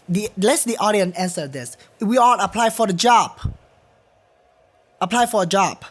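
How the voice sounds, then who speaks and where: A high-pitched Vietnamese man, a guest musician on a podcast, speaks English as a second language with a Vietnamese accent. Recorded in a studio during a casual interview, he talks earnestly and emphatically and repeats phrases to drive his point home.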